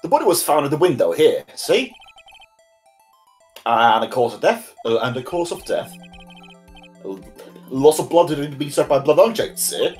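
A man voicing a bumbling, eager male detective in a game playthrough, loud and stumbling over his words. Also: fairly high pitch, sing-song, normal speed, long pauses, soft background music, pitched below the performer's own voice. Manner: loud, stumbling, keeps saying sir.

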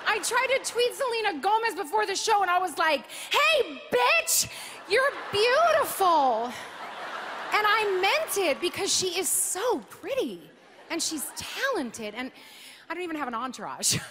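Very high-pitched and sing-song, a woman's voice moves at a moderate pace as she hosts an awards show from a large live arena stage. She jokes at her own expense in a playful monologue, slipping into sung lines. The live sound is noisy, with a loud crowd applauding and cheering.

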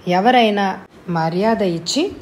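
A courteous young woman speaks earnestly and politely in a plain mid-pitched voice, as a woman reads her part in a storybook. She sounds sincere and measured. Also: darkish tone, slight background noise, lightly acted. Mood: indignant. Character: gentle, courteous young woman who scolds softly. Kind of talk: audiobook character voice.

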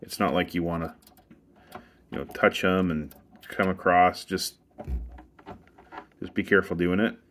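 Brief: man, lowish voice, plain practical hot tub technician walking through a repair outdoors. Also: fairly even intonation, unhurried, pauses often, a bit bright, slight background noise. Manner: plain, practical step-by-step instructions. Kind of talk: casual how-to demonstration. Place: outdoors beside a hot tub equipment bay.

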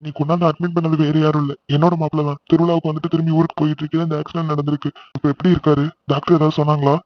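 A man's voice: fairly high pitch, little pitch movement, very fast, no room sound, close to an everyday voice. A man voicing a caring elder brother and uncle in an amateur cartoon, speaking firmly and reassuringly. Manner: reassuring, firm, fatherly. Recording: dry, slightly dull lo-fi recording.

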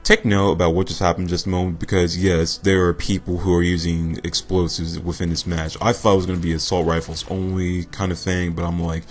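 A young man giving casual, rambling gameplay commentary, self-deprecating and a bit monotone and tired. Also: low voice, fairly quick, hardly any pauses, soft background music. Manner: rambling, self-deprecating, loose filler-heavy talk; says he sounds a little monotone and tired. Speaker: gaming commentator.

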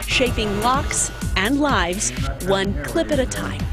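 A woman's voice: fairly high pitch, lively intonation, slow, over music. A woman reporter reading a scripted TV news feature voice-over.

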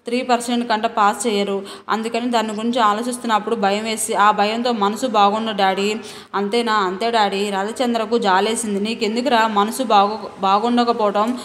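A woman's voice: fairly high pitch, in a large hall, slight background noise. A woman reading a novel aloud, voicing all the dialogue in her own voice with small restarts. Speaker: novel reader.

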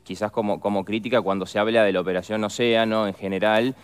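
A man's voice: fairly low pitch, fairly even intonation, quick pace, clean tone. A man working as a defense lawyer, explaining legal points with care in a studio interview and often repeating words as he searches for the exact phrasing.

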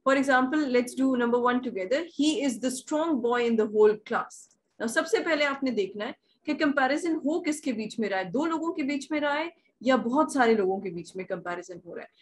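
A woman teaching grammar in an online class, patiently repeating examples and asking if things are clear. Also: high voice, animated, low-quality recording. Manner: patient, repeats examples slowly, asks checking questions. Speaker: English teacher. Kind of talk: online class, bilingual explanation.

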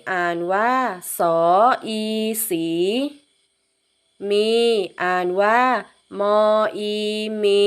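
A woman teacher sounds out syllables for small children in a lesson, drawing each one out at a very slow pace. Her voice is smooth and clear. She sits at a middle pitch for a woman. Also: steady tone. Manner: slow, drawn-out syllable-by-syllable reading. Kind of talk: phonics lesson for young children.

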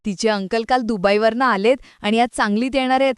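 A woman voicing a loud, bossy, excitable middle-aged woman who scolds in a shrill voice. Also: fairly quick, clean tone, no echo, studio quality, close to an everyday voice. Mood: excited, scolding.

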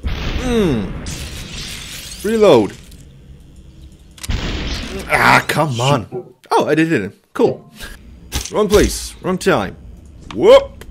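Sitting at his computer indoors, a thirtysomething man narrates a let's-play with casual exclamations in short bursts. His fairly high voice is very animated yet extremely slow, with long pauses and slight background noise.

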